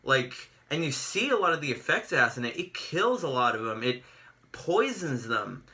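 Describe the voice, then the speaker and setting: A man with a very bright, forward voice talks off the cuff in a casual video review. He is earnest and effusive, often halting and repeating himself as he hunts for words. Dental braces slightly alter his speech. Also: medium pitch, sing-song. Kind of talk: casual unscripted review to camera.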